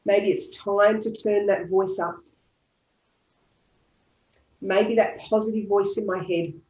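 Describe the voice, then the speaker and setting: An Australian woman leads a group tapping session, talking in calm, repeated affirmations. Her voice sits at a middle pitch. The sound is roomy and echoey, as on an online call. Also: slow. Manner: calm, repetitive affirmation-style phrasing. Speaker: EFT tapping practitioner. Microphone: online video call. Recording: roomy echo.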